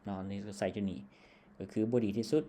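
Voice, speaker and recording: A man's voice: fairly low pitch, fairly even intonation, quick pace, dark tone. A man from Laos teaching English grammar in a patient lesson style, checking in with a short tag word after nearly every phrase.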